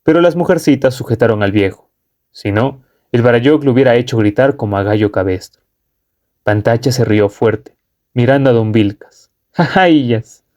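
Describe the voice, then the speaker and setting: A man reading a short story aloud as an audiobook narrator, steady and measured. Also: mid-range voice, highs cut off.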